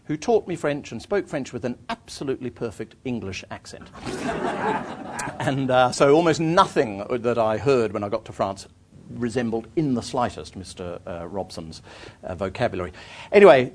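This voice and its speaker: A man's voice: lowish voice, a little mellow. A man telling humorous, self-deprecating travel stories to a live audience, rambling with many fillers. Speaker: storyteller speaking to an audience.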